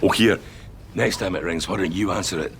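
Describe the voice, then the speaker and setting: An actor with a Scottish accent playing a prisoner who holds a hostage, sing-song and mocking, swinging from jovial to threatening. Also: male voice, low voice, fairly quick, a bit bright, a little hiss or hum. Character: charming, menacing male prisoner holding a hostage. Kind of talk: television sitcom acting.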